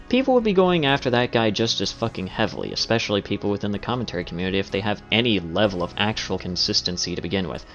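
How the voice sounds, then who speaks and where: A man giving wordy reaction commentary as a video host, sarcastic, exasperated and given to swearing. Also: on the low side. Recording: dull lo-fi, faint music behind.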